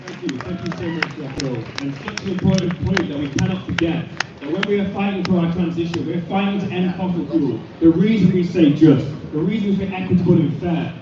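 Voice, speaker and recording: A man's voice: high-pitched, brisk. A man emcees an outdoor protest in an upbeat manner, answering speakers and putting questions to the crowd. His voice is far from the mic and echoes heavily. Street noise runs beneath it. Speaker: rally host. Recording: echoey, distant, muffled outdoor PA sound.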